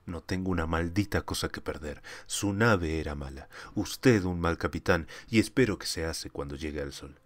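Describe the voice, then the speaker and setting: A man's voice: sits low, normal speed, hardly any pauses, natural voice. A man voicing a defiant male crewman who talks in a taunting, scornful, insolent manner.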